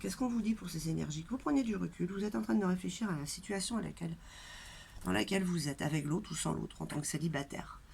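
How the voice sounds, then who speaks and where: Outside in a light wind, a woman reads tarot for her channel's viewers in a casual, chatty, hesitant way, talking straight to them. Her voice is on the low side and darkish, fast, with vocal fry, and nasal and congested from a blocked throat, so she coughs and clears her throat. Wind makes the recording noisy.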